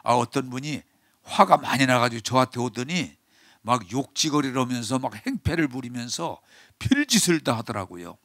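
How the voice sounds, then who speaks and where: A man preaching a sermon as pastor, emphatic, with rhetorical questions and sudden drops to a near hush. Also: mid-range voice, big pitch swings, moderate pace, no room sound, clean studio sound.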